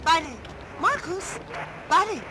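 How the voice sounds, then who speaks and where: An actress dubbing a hurried, insistent young woman who works as a hotel maid. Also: very high-pitched, lively intonation, background noise. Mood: anxious. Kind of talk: film dub.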